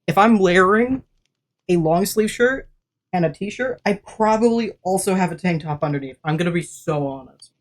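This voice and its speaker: Here a game streamer with a mild cold talks casually to viewers live, the voice lower than usual. They ramble, laugh often, and keep saying hello and thanks, with lively intonation at a moderate pace.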